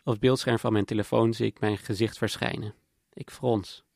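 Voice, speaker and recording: A man giving calm, matter-of-fact, intimate first-person narration in a scripted documentary. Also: lowish voice, normal speed, gravelly, no room sound. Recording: dry close voice-over with faint music.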